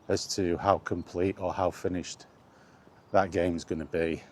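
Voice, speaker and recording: This man's voice sits low and is a little mellow. Out on a walk, he gives casual vlog commentary on video games, chatting bluntly and rambling with a resigned air.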